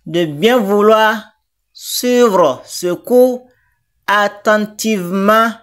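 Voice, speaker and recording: A woman teaching a reading lesson, spelling out letters and sounds one by one in a deliberate, patient way. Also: mid-range voice. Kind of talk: slow step-by-step lesson. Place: teaching centre.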